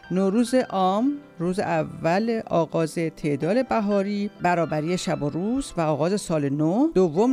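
A man reading an informational script aloud at a steady pace, with an occasional slip. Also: high-pitched. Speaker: narrator. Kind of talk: read-aloud informational narration.

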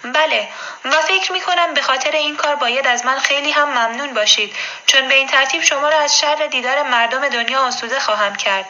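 A woman voicing a proud, stern male submarine commander who speaks firmly and with measured words, in a storybook reading. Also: high voice, bright, forceful tone, lo-fi sound. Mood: calm, cool.

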